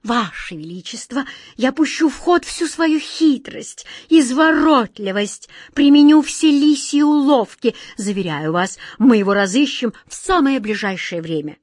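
A sly, oily chief trickster of a fairy-tale court fawns over his king, as a woman reading the story puts him on. The voice rides high and loud with slippery flattery. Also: unhurried, no room sound, studio quality. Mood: fawning. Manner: oily, ingratiating.

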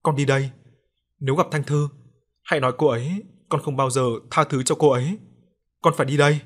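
A man's voice: a little high, fairly even intonation, brisk, close to an everyday voice. A man voicing a sorrowful young woman's ghost. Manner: sorrowful, apologetic.

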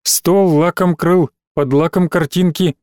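A man voicing a big, slow-witted grown man on a chain, who mumbles in halting short phrases, as a character in an audiobook. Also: fairly high pitch, fairly even intonation, a little mellow, no echo, clean studio sound, lightly acted. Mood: mumbling.

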